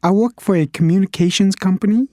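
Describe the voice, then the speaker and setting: An actor voicing a reflective man from Vietnam, thoughtful in a scripted textbook interview. His voice is mellow and dry, very close to the mic. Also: high-pitched, fast talker, no room sound, natural voice. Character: man from Vietnam working in communications.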